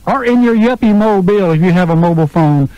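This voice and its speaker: Fast and high-pitched with lively intonation, a male DJ and interviewer runs an oldies radio show, chatting upbeat and informally into a close studio broadcast mic. The audio is a dull, lo-fi radio aircheck tape.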